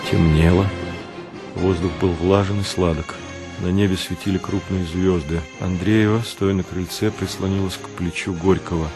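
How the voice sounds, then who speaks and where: A man reading a novel aloud in measured, expressive scripted narration. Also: low voice, loud music behind the voice. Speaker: audiobook reader.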